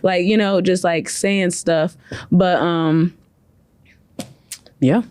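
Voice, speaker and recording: A woman's voice: lowish voice, fairly even intonation, very slow, a little mellow, clean tone, no room sound. A young woman from Cleveland talks as an interview guest, chatty and loose, with lots of "like" fillers. Her voice sounds dry and close to the mic, with no room around it. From from Cleveland, Ohio. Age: young adult. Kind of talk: casual interview conversation.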